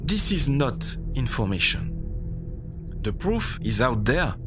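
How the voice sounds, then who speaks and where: A man's voice: medium pitch, big pitch swings, slow. A man with a French accent, a native French speaker, delivering critical, sardonic scripted commentary as the host of a video channel. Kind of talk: scripted commentary rebutting a TV show. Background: background music.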